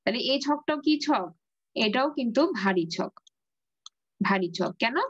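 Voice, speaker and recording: A woman's voice: a little high, lively intonation, slightly rough, dry recording, dull audio. Patient Bengali-accented woman teaching grammar. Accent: Bangladeshi Bengali. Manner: patient, repeats key words slowly, asks and answers own questions. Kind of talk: online class lecture.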